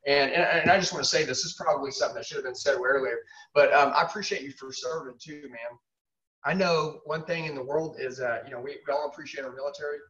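A man's voice: on the high side, fast talker, fairly bright tone. A man speaking as a sales trainer and host, giving emphatic, punchy motivational coaching and repeating himself for effect. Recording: distant mic, dull lo-fi sound.

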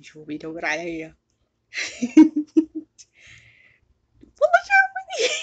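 A woman giving chatty, excitable game commentary to her viewers. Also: fairly low pitch, vocal fry, husky. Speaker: gaming YouTuber.

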